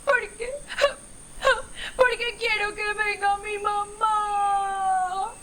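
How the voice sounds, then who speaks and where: A woman's voice: high voice, lively intonation, moderate pace, sharp tone, a little hiss or hum, heavily acted. A woman voicing a crying little baby elephant boy, whimpering and pleading. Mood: tearful.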